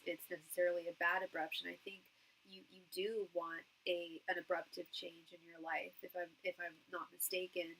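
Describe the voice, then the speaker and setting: A woman with a fairly low but very bright, forward voice and a nasal tone. She works through a tarot reading as a psychic medium, addressing one person directly. Her phrasing is halting, with repeated words as she feels her way to each point. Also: low-quality recording. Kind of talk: live tarot reading, speaking intimately to one client.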